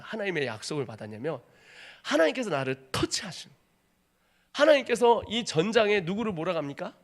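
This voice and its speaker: Animated Korean man preaching. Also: high voice. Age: 30s. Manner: dramatic storytelling, acts out voices, swings from hushed to shouting. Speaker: missionary preacher. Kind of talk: sermon with personal testimony.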